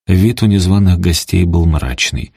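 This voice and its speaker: A man with a very low, husky voice reads an audiobook aloud in a steady, dramatic way. He is recorded close and dry, with no room sound at all. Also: unhurried, dry recording. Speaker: narrator. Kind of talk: audiobook reading.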